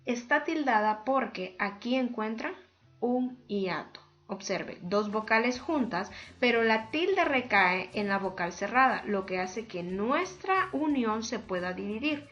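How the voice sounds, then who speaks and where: A woman's voice: on the high side, animated, fairly bright tone, lo-fi sound. A woman teacher giving a remote lesson on accents and syllables, pronouncing words syllable by syllable and speaking formally to her students. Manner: slow, deliberate, syllable by syllable, addresses students formally.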